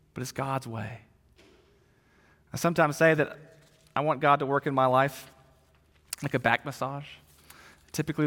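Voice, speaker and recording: A man's voice: medium pitch, fairly bright tone. A man preaching a sermon as a pastor, telling stories earnestly and pressing his points with rising emphasis. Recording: long reverb of a large hall.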